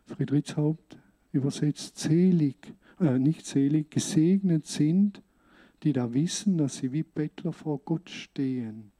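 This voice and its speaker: A man preaches to his congregation. His voice sits fairly high but sounds very mellow and dark. He talks earnestly and plainly, leaning on pauses for emphasis. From Switzerland. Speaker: pastor. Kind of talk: sermon.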